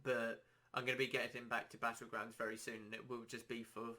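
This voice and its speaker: A man hosting a casual solo podcast, rambling and self-deprecating, his throat a little dry and hoarse. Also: medium pitch, little pitch movement, a little fast, bright, forceful tone. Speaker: podcast host.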